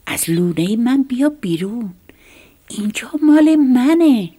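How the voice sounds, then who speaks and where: Brief: whispered role-play little mouse, by a woman, indignant and pleading, husky whisper. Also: full character voice. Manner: high, pleading and upset. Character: small, hardworking, indignant male mouse.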